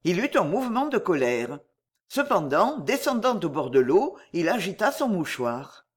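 Expressive narrator reading an adventure storybook aloud, voice rising and falling widely. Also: mid-range voice, normal speed, breathy edge. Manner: lively, expressive read-aloud delivery.

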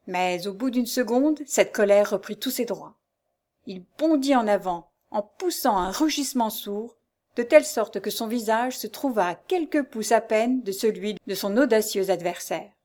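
A woman's voice: medium pitch, animated, moderate pace, a little mellow. Woman reading a novel aloud. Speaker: reader.

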